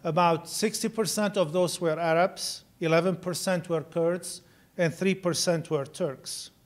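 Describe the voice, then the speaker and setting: A middle-aged man, giving an earnest university lecture at a lectern microphone, with frequent "you know" fillers. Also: sits high. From Syria. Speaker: guest lecturer. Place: lecture room, indoors.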